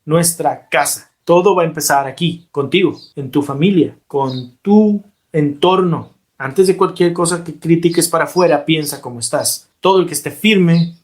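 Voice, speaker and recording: A man preaches by retelling a story, animated and emphatic. He slows down deliberately on key points, and his voice is pitched somewhat high for a man. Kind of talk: sermon-style storytelling.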